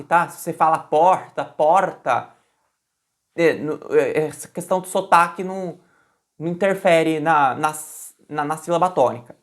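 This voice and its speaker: A woman explaining a language lesson in a conversational way, repeating example words slowly and with loud emphasis, with frequent restarts. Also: mid-range voice. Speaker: Portuguese language teacher.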